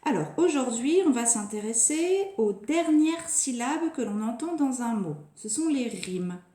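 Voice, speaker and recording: A woman teaching a phonics lesson to young children, stretching and repeating each word slowly and deliberately. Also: fairly high pitch, expressive, warm tone. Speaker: preschool teacher. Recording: echoey room.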